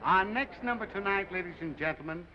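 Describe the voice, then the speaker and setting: A theatrical nightclub emcee from a 1930s film. His high voice swoops widely through florid, sentimental announcements. It rings through a long hall echo. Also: lively intonation, slight background noise. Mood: grandly sentimental. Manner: theatrical, grandiloquent, drawn-out phrases. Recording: echoing hall, dull 1930s film soundtrack.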